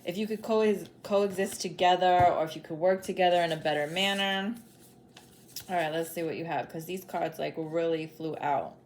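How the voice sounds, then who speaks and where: A woman's voice: fairly low pitch, moderate pace, a little mellow, a little hiss or hum. A woman doing a casual tarot reading as a psychic medium, chatty and blunt, circling back to the same advice and sometimes swearing. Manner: chatty, repetitive, peppered with "like" and "spirit is like".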